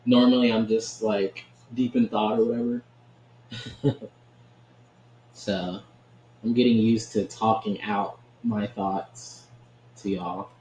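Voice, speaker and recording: A man hosting a gaming channel chats casually over a card game, often laughing and adding "right?". His voice is on the low side, darkish, and flat, slow with frequent pauses, in an echoey room with faint ambient noise.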